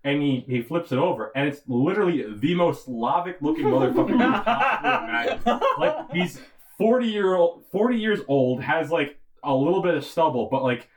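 A young man co-hosting a podcast, telling a story in a casual way, animated and often laughing as he talks. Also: fairly high pitch, brisk, distant mic, crowd noise, low-quality recording. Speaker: podcast co-host.

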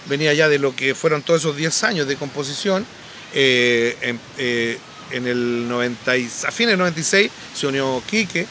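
Man, bright voice, animated storyteller, faint outdoor noise. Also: mid-range voice, normal speed. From Chile. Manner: animated anecdotes, frequent restarts. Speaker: podcast guest, musician. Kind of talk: casual storytelling.

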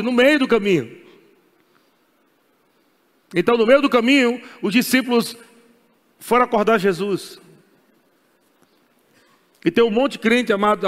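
A Brazilian man preaching a sermon in a high voice, driving his points home by repeating them, with laughs breaking in. His words echo with the long reverb of a church hall. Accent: Brazilian Portuguese. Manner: emphatic and repetitive, laughing as he preaches. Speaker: pastor.

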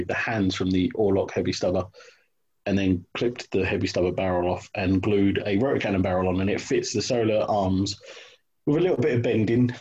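Husky low-voiced man, casual chat. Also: darkish tone. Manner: hesitant, many ums and restarts. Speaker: hobby wargamer guest. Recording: dull lo-fi audio.

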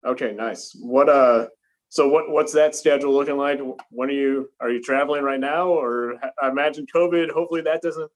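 A man of middle pitch hosting a casual interview. His questions come out halting, with frequent fillers and self-corrections before he gets to the point.

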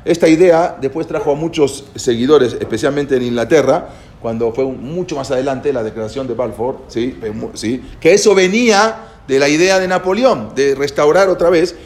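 A man giving an informal history lecture, halting and repeating words as he goes and often checking in with his listeners. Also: medium pitch, a little mellow. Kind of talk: informal spoken lecture with storytelling.

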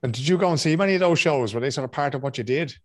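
A man, hosting a relaxed, conversational interview and asking chatty questions. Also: fairly high pitch, racing. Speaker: interviewer, host.

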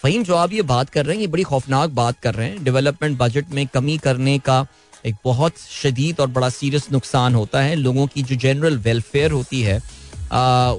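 A male morning show host with a Pakistani Urdu accent and a slightly high voice. He chats in a breezy, informal way, and faint music plays behind him. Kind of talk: live morning show chat.

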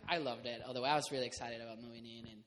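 Very fast and a bit bright, with medium pitch and fairly even intonation, a young man from Costa Rica rambles through a casual group conversation. A community house resident, he leans on fillers and laughs a lot; the room is reverberant with faint noise.

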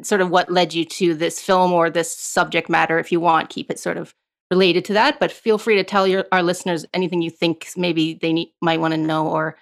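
A woman interviews a guest as a podcast co-host. Her voice is fairly low with a gravelly fry, and she circles around her questions in a conversational way. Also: little pitch movement, brisk.

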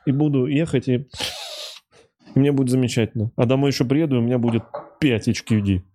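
A man's voice: medium pitch, quick pace, dark tone. A man in his thirties, a stand-up comedian on a talk show as a guest, chatting casually in a rambling, profane, self-mocking way. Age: 30s. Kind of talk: casual chat.

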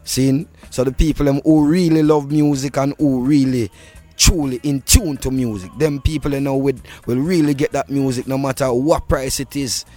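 Jamaican guy chatting rasta style in patois, interviewed, clear music playing behind him. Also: medium pitch, steady tone, moderate pace, dark tone. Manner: Rasta speech with patois and devotional phrases. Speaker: reggae artist being interviewed. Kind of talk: casual interview talk.

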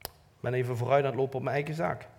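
A man's voice: medium pitch, fairly even intonation, quick pace, gravelly, darkish tone. A man with a Limburg Dutch accent giving an informal, earnest church talk, plain-spoken with light self-mocking asides. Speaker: lay preacher. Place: church hall. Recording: long hall reverb.

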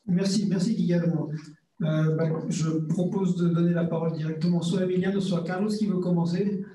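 A man's voice: high voice, steady tone, brisk, warm tone. A man chairing a seminar, briefly handing over the floor to the next speakers. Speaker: session chair. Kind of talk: moderating a seminar. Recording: echoey distant mic with faint noise.

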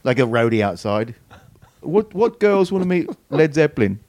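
A man's voice: medium pitch, big pitch swings, normal speed, a little mellow, a little hiss or hum. A man co-hosting a podcast outdoors in a park, telling rambling jokey stories with many restarts. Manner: rambling storyteller, joking, stammers restarts. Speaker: podcast co-host. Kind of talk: casual chat, joking.

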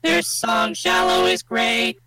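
A man putting on a robot voice, reading aloud slowly in a flat, mechanical way. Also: extremely high pitch, creaky, soft background music, voice pushed up, heavily acted. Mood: mock-robotic. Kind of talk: casual podcast chat, mock reading.

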